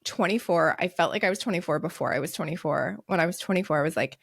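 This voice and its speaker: A woman in her late thirties co-hosting a podcast, chatting casually with lots of fillers and quick laughs. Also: fairly low pitch, creaky, no room sound, studio quality. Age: 30s. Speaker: podcast co-host. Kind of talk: casual chat.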